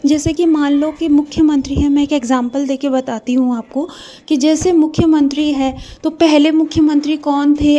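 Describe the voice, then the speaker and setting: Brief: young woman vlogger, high voice with a mellow tone, chatty, calls viewers friends. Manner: chatty, addresses viewers as friends, frequent hesitations. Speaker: vlogger studying for an exam while raising a child. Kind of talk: casual talk to viewers.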